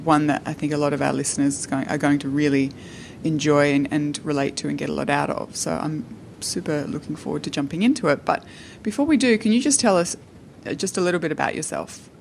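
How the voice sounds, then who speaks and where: A woman's voice: sits low, vocal fry, slight background noise. A woman hosting a podcast, chatting in a bubbly way and laughing easily as she opens an interview. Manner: bubbly, quick to laugh, warm thanks. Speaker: podcast host. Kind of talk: casual interview chat.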